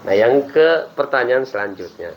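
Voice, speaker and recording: A man with an Indonesian accent talks through religious teaching in an easy, chatty podcast manner. He sits at a middle pitch and often acts out short prayers as examples. A faint hiss of room noise sits behind him. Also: moderate pace, low-quality recording. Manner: lively explaining with acted-out prayers and laughs. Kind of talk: casual podcast chat on Islamic teaching.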